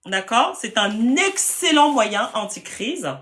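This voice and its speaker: A woman's voice: a little high, big pitch swings, slow pace, a bit bright. A woman with a Parisian French accent, hosting a live stream to sell land and answering viewer comments in a direct, firm way. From France.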